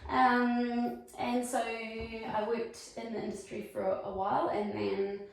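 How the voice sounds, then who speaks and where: Here a forties-aged New Zealand woman acts out a sales meeting as a warm, talkative estate agent full of ums. She speaks slowly and flatly in a higher-than-average voice with vocal fry. The room echoes and the microphone is distant.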